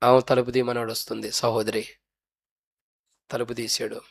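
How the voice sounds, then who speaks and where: A man preaching a sermon, telling a story dramatically and acting out its people, swinging from loud cries to hushed tones. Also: mid-range voice, level tone, moderate pace, vocal fry, slightly rough. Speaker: pastor.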